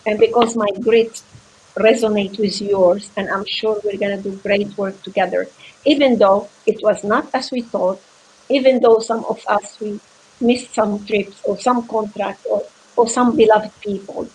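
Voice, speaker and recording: An earnest woman psychotherapist giving a heartfelt motivational speech. She talks in a halting way, restarting and repeating words as she searches for them, and her voice sits in an ordinary middle range. It sounds like she is speaking on a video call. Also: medium pitch, fairly even intonation, a little mellow, husky, low-quality recording. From Venezuela.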